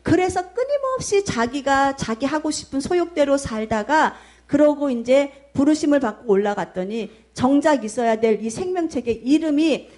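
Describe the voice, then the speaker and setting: A middle-aged woman pastor delivers a sermon, building it around a vivid, emphatic story. Her voice sits a little high and she drives her points home with insistence. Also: darkish tone.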